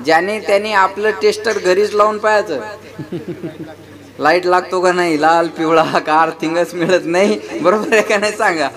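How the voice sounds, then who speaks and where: A man's voice: high voice, steady tone, normal speed. A man giving a devotional kirtan sermon in a folksy, humorous storytelling way, often calling on the crowd to answer back. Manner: rhetorical, keeps asking the crowd to answer back. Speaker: kirtan preacher. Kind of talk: devotional sermon to a live gathering.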